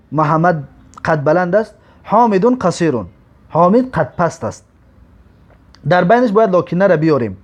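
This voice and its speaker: Lively high-pitched male teacher. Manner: slow drawn-out example words, quick asides. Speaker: Arabic teacher. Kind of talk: grammar lesson.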